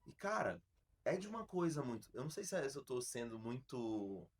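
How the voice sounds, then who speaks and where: A man from Brazil, a podcast host, telling a story in a casual, slangy, animated way with many restarts. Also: medium pitch, fairly quick, a little hiss or hum.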